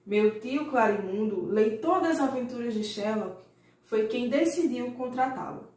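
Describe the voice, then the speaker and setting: A woman teaching young children in a recorded lesson, her voice a little high and patient. She draws example words out slowly and checks in often. The sound is roomy and set back from the mic, with a faint hiss underneath. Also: a little mellow, far from the mic. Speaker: primary school teacher. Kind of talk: recorded remote class lesson.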